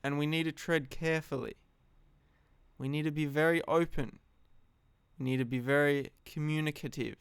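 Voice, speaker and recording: A man giving an earnest, reflective philosophical monologue, speaking deliberately in short phrases with long pauses. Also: fairly high pitch, fairly even intonation, smooth, no echo. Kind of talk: solo reflective monologue, slow spoken address.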